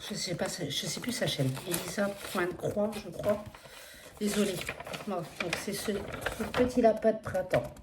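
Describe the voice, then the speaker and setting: A woman with an accent talks slowly through a relaxed stitching update, hesitant and apologetic and full of little fillers. Her voice sits at a middle pitch. A faint hiss runs under the recording. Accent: non-standard accent in French. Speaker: cross-stitch vlogger. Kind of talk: casual flosstube progress update.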